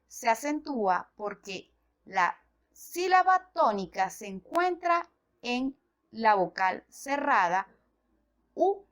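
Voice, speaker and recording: A woman teaching a grammar lesson, explaining slowly and deliberately and spelling out examples one by one. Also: on the high side, fairly bright tone. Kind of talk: educational lesson narration.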